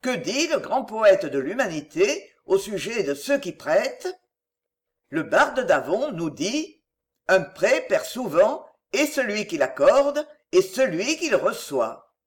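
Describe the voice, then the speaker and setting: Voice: medium pitch, big pitch swings, slow pace. A reader voicing a pompous old rector. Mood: sermonizing. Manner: sermonizing, indignant. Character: pompous elderly male country rector, stern moralizer.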